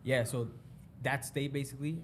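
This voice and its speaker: A man's voice: mid-range voice, steady tone, slight background noise. A man of twenty-two from Montreal, a guest chatting casually on a podcast in slangy talk full of "bro.". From Canada, Montreal. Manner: fast, loose slangy talk with "bro" and "you feel me".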